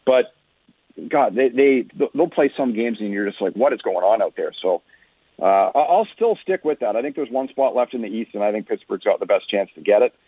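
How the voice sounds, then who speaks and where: This radio guest's voice sits on the low side, husky, animated and brisk, with a dry sound. He breaks down hockey off the cuff in a conversational way, rephrasing often, and comes through a muffled, phone-like call-in line.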